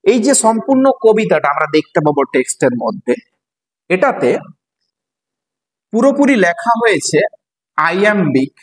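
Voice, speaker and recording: A man's voice: sits high, big pitch swings, moderate pace, long pauses, slightly rough, poor audio. A male teacher from West Bengal with a Bengali accent, explaining a poem to students. He spells words letter by letter and asks the class questions.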